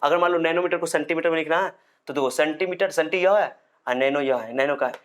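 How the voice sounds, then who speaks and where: A man's voice: a little high, quick pace, smooth. A man giving a physics lecture at a board, repeating key points emphatically and having students say terms back after him. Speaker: physics teacher.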